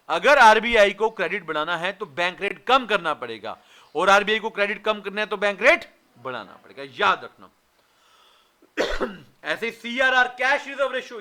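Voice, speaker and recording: A man's voice: high voice, sharp tone. A man in his thirties teaching an exam revision lecture, firing questions at his students and answering them himself, with Indian-accented English words.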